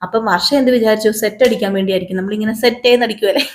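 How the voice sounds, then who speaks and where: Chatty woman retelling a serial, brisk and animated, medium pitch. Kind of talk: casual storytelling narration.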